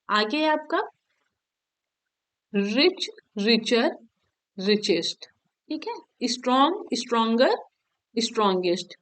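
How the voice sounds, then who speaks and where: A woman's voice: fairly high pitch, a bit bright. A woman teacher giving an exam-prep grammar lesson, patiently repeating each point and drilling word forms one by one.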